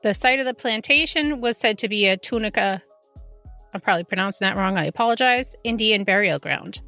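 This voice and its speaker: A woman's voice: medium pitch, brisk, sharp tone, faint music behind. A woman hosting a podcast, telling history and ghost lore from notes in a conversational way with informal asides. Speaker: podcast host. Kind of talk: semi-scripted true haunting storytelling, conversational.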